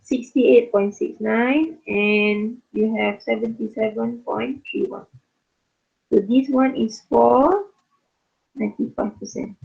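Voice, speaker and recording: A woman lecturing on statistics in an online class, losing her voice and speaking haltingly with many fillers. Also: on the high side, steady tone, vocal fry, husky. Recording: phone-like narrow sound.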